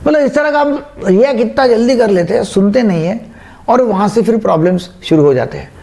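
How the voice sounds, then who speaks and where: A man's voice: high voice, lively intonation, a little fast, gravelly, darkish tone. A middle-aged man, a doctor, giving an informal talk and explaining points in a conversational way with homely examples. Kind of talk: informal lecture to camera.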